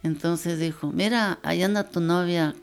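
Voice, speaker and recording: An elderly woman tells family stories in a relaxed, chatty way. Her voice is low and gravelly. She slips into the voices of the people she quotes. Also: normal speed. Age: 80s. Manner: lively storyteller, quotes people in dialogue, chuckles often. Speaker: grandmother telling her life story. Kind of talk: casual storytelling.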